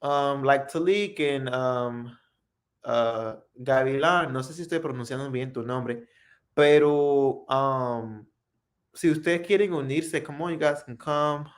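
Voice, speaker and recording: A man whose first language is English, hosting a casual live practice stream and answering viewers in English and Spanish. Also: medium pitch. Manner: unhurried, friendly, answers viewer comments.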